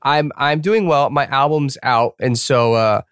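A young man co-hosting a podcast in an upbeat, playful way. His voice is smooth and clear at a middle pitch. The recording is dry and close. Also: measured pace, fairly bright tone, no room sound. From Atlanta, USA. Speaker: podcast co-host. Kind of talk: casual podcast chat.

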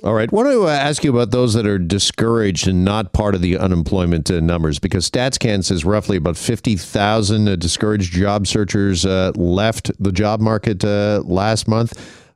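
A man hosting a radio interview in a studio, introducing his guest and asking brisk, conversational questions. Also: lowish voice, darkish tone, clear, resonant tone, dry recording. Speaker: radio host. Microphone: studio microphone.

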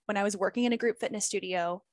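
A woman's voice: medium pitch, steady tone, quick pace, dry recording, clean studio sound. A woman speaking candidly and emphatically as a guest in a casual interview, swearing freely as she makes her points. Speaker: former group fitness instructor.

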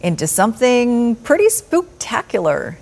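A woman anchoring the evening news in a studio, bright and lightly joking. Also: fairly high pitch, sing-song, unhurried, creaky.

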